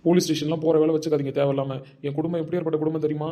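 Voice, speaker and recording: A man's voice: fairly high pitch, little pitch movement, very fast, lo-fi sound. A young man acting in a melodramatic short drama, denying accusations angrily. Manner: defensive, angry denials. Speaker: actor in a short web drama.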